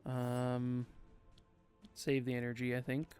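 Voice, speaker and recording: A man's voice: medium pitch, completely flat delivery, slow pace, darkish tone, soft background music. Sleepy man thinking aloud over gameplay. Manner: thinking aloud, many ums, tired and yawning. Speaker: gaming streamer. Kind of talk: casual gameplay commentary.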